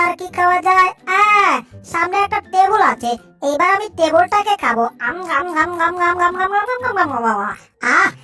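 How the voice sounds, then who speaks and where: A woman doing a squeaky, greedy baby crocodile. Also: pushed and bright, full character voice. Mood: gleeful. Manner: squeaky, singsong, chomping noisily. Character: greedy hungry little baby crocodile, male. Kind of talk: fan cartoon dubbing.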